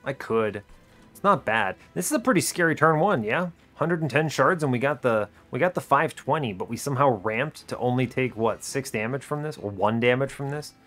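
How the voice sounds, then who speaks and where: Over game music, a male gaming host reasons through his strategy with brief, offhand, dryly humorous comments. He has a mid-range, slightly bright voice with lively intonation and a moderate pace.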